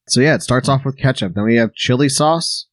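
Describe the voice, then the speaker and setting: A man with a mid-range voice, relaxed and agreeable as he reads ingredients and jokes along. The recording is close and dry. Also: mid-range voice, brisk, no room sound. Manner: easygoing, agreeable, reads lists aloud. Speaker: podcast co-host. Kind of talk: casual chat, reading ingredients.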